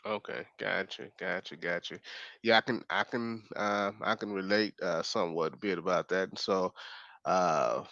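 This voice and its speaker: A man with a lowish voice asks his questions slowly and carefully, stopping often on "uh". His voice is dry and close, and the audio is a little dull and lo-fi. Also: vocal fry, pushed and bright, no echo. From Dallas, Texas. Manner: careful, halting questions full of "uh". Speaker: street reporter and interviewer. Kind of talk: community interview.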